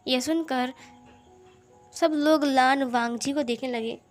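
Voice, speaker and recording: A woman with a high voice narrates a fan-written story. She reads the characters' quoted lines louder and with more force. Soft music plays quietly under her voice. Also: steady tone, takes it slowly. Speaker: fanfiction narrator. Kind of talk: storytelling narration with acted dialogue.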